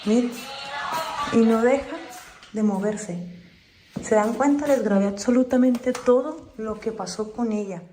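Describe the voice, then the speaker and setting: A woman's voice: fairly high pitch, a little slow, long pauses, faint music behind. Nervous woman filming on a phone at home. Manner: nervous, talking to viewers and calling out into the dark. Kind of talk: casual self-recorded phone video. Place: dark bedroom at home, indoors. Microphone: phone held in hand. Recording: echoey room with faint hiss.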